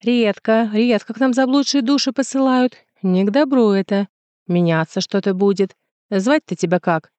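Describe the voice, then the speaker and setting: A grumpy furry little male house spirit snaps and sneers, as a woman reads him with a gruff, scolding edge. The voice is mellow and dry, recorded close with no room around it. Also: medium pitch, normal speed, no room sound, lightly acted. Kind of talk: audiobook character voice.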